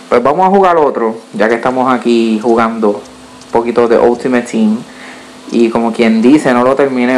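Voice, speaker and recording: Excitable man narrating gameplay. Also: medium pitch, gravelly, slight background noise, poor audio. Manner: excitable, groaning and cursing at the game, code-switching into English. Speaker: gaming YouTuber. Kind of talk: gameplay commentary.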